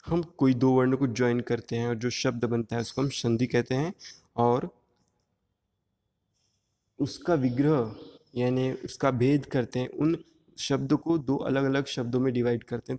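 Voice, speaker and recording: A male teacher giving an exam-prep grammar lesson, explaining slowly and drawing out each sound one at a time. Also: mid-range voice, fairly even intonation, mellow, in a large hall.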